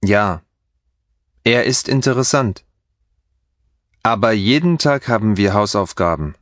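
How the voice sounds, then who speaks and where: Guy reading language lesson lines real slow, lowish voice, dry studio sound. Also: lively intonation, no room sound. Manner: slow, careful, deliberate enunciation. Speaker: language course speaker. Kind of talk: scripted textbook dialogue reading.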